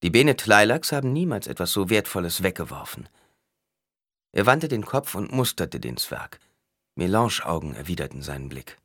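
Male audiobook narrator, expressive, dry close sound. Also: sits low, normal speed, dry recording. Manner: expressive dramatic reading.

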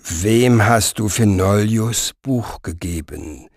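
Man doing a soft velvety scheming villain. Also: lowish voice, no room sound, clean studio sound, pitched below the performer's own voice. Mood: irritated. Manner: soft, velvety, slow, menacing. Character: smooth scheming male sorcerer-reader, soft-voiced and menacing.

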